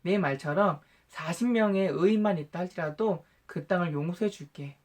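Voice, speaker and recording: A man voicing God as a male deity in a Bible storybook reading, calm, patient and reassuring. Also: high voice, moderate pace. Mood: gracious, reassuring.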